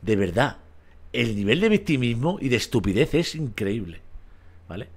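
A man's voice: medium pitch, big pitch swings, moderate pace, slightly rough. A man with a Spain Spanish accent, ranting on a livestream in a blunt, profane, combative way and keeps asking his audience if they agree. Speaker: streamer.

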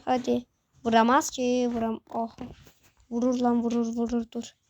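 In a dull-sounding recording, a young gaming host commentates excitedly on live play, barking urgent commands and cycling through the same phrases repeatedly. The voice is medium in pitch at a moderate pace.

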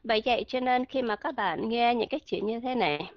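Higher-voiced woman teaching pronunciation. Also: highs cut off. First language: Vietnamese. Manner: explains slowly, many fillers, checks students understand. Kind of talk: online pronunciation lesson.

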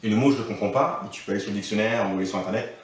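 Here the voice sits on the low side and moves very fast: a thirties-aged man, interviewed on a couch in a living room, thoughtfully giving casual advice while restarting often and using lots of fillers. The far camera mic makes the room sound echoey and distant.

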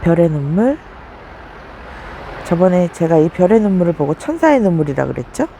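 Gravelly-voiced woman chatting about plants. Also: big pitch swings, moderate pace, dark tone, slight background noise. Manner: chatty, exclaims over her plants with sudden high gasps. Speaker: succulent plant vlogger. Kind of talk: casual narrated plant tour.

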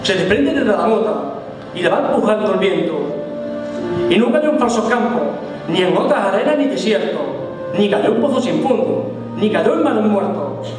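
Echoing high-voiced man, solemn town crier proclamation. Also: expressive, moderate pace, recorded from a distance. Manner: solemn, declamatory, rhetorical. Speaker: Holy Week proclamation orator (pregonero). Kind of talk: town crier style proclamation, declaimed verse. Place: theatre stage, speech at lectern. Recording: echoey hall from afar, loud music. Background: music.

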